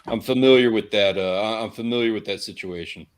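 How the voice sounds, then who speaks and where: A man with a Texan accent and a lowish voice co-hosts a livestream, chatting casually about fishing and the outdoors. He talks a little fast, joking and rambling through stories.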